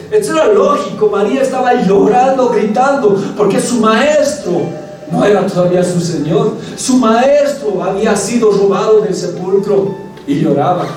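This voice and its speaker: A preacher with a high, slightly mellow voice gives a forceful sermon in a church hall and calls his listeners brothers. The hall echoes, the microphone is far away, and faint music can be heard.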